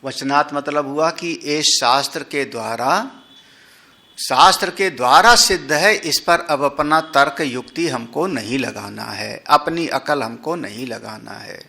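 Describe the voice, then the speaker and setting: A man's voice: mid-range voice, a little slow, vocal fry, pushed and bright. A man, a swami, giving a scripture discourse, chanting Sanskrit lines, explaining them in Hindi and sounding out syllables for his listeners. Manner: demonstrates syllable sounds and tones aloud. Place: ashram hall.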